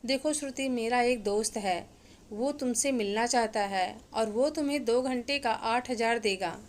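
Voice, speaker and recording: A woman voicing a smooth-talking young man who speaks in a coaxing, persuasive way. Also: on the high side, a little slow, lightly acted.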